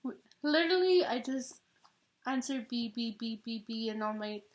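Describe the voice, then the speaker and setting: A woman co-hosting a casual fan Q&A video, giggly and unhurried, often trailing off mid-sentence. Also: a little high, lively intonation. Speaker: channel co-host.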